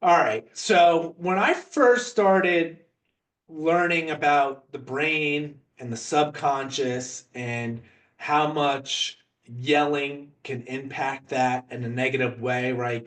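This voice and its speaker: A man's voice: medium pitch, distant mic. A man, a mindset coach, giving a motivational talk on parenting in an earnest, conversational way, often checking in with his listeners.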